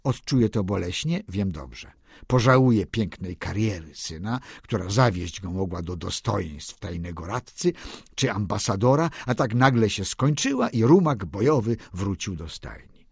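Impassioned husky male audiobook narrator. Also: lowish voice, expressive, normal speed, dry recording, clean studio sound. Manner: impassioned first-person diary narration. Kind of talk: audiobook reading of a classic novel.

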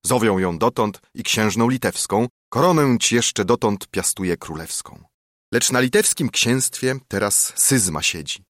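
A sly old friar holding forth to a crowded tavern, voiced by a man reading a verse epic, his speech rising and falling in lively swings. He sounds hearty and oratorical, and the dry, close recording keeps every word near. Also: fairly low pitch, unhurried, dry recording. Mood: genial. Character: old Bernardine friar, sly persuasive storyteller.

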